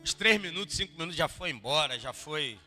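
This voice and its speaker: Male Rio pastor, bright fairly high voice, animated sermon, church hall reverb, soft guitar underneath. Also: fairly quick. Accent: Brazilian Portuguese, Rio de Janeiro. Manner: animated preaching, swings from quiet to loud, jokes with congregation. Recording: long hall reverb, faint guitar behind.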